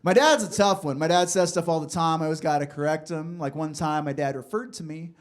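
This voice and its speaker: High-voiced comedian man on stage. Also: a little fast. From Los Angeles. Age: 30s. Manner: deadpan punchlines, chatty asides to the crowd. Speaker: stand-up comedian. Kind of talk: stand-up comedy set.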